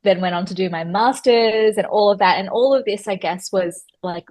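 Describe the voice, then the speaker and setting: A woman, telling her story as a podcast guest in an animated, chatty way with many fillers. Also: mid-range voice, normal speed, no echo. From Australia. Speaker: guest, personal stylist.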